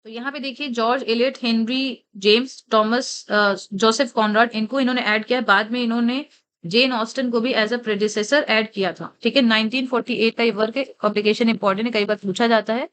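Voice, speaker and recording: A young woman with an Indian English accent, explaining exam answers step by step and reading the English questions out slowly. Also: on the high side, fairly even intonation, a bit bright, clear, resonant tone. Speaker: teacher. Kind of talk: exam answer walkthrough lecture.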